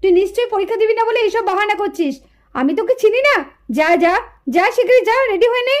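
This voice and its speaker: Brief: woman as stern cartoon mum, high voice, scolding and threatening. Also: expressive, fast talker. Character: strict, angry village mother with a stick. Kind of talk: puppet-show cartoon voice.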